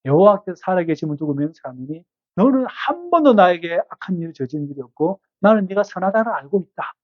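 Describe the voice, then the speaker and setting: Brief: gently persuasive king, high voice, read by a preacher; dull, dry lo-fi sound. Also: sing-song, fast, no echo. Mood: coaxing. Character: king coaxing his loyal servant to leave.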